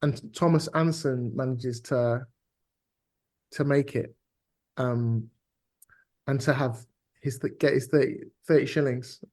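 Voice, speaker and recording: A man's voice: mid-range voice, darkish tone. A man with a modern British accent, talking as an interview guest in a conversational storytelling style, repeating phrases for emphasis. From Britain. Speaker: podcast guest, writer and teacher.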